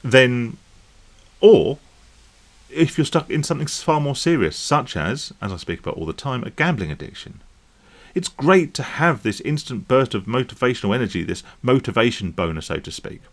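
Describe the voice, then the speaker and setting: A man with a mid-range, sing-song voice talks at a normal pace. As a YouTube vlogger on gambling recovery, he addresses the camera casually and ramblingly, checking in often with "right?" and "okay?".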